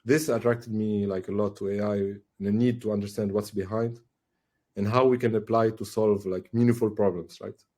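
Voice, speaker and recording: Steady and warm at a moderate pace, the lowish voice belongs to a Tunisian AI director in his forties. As a casual podcast guest, he talks thoughtfully, restarting often and using plenty of fillers.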